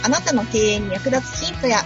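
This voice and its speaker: A woman's voice: a little high, animated, a little fast, highs cut off. A woman announcer delivering a scripted introduction to a radio show. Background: music.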